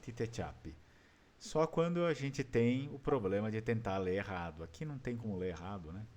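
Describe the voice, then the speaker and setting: A man's voice: fairly low pitch, fairly quick, a little mellow, muffled recording. A man with a Brazilian Portuguese accent teaching an online class, patiently explaining step by step and quizzing his students. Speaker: language teacher.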